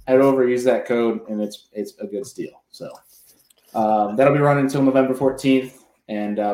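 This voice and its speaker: A man's voice: medium pitch, darkish tone. A man hosting a live podcast in a casual, buddy-like way. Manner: informal, buddy-like address. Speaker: podcast host. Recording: roomy, echoing sound.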